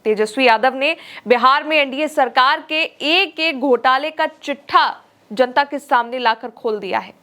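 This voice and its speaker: A woman's voice: high voice, a little slow, pushed and bright. A woman presenting scripted political news narration in an emphatic, dramatic way.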